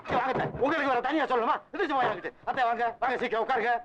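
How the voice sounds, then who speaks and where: A pushy, quarrelsome bus passenger. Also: male voice, very high voice, racing, highs cut off, background noise. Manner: bossy and argumentative. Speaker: bus passenger in a film comedy scene.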